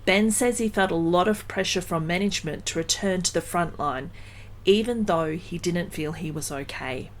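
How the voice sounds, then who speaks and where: A woman hosting a podcast, reading a scripted introduction and asking interview questions in a clear, measured way. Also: on the low side. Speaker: podcast host.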